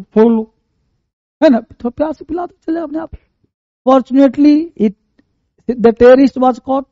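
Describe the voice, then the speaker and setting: Male grammar teacher, high voice, mellow tone, dry muffled sound. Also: no room sound. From India. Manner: animated, acts out everyday scenes to explain. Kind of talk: classroom lecture.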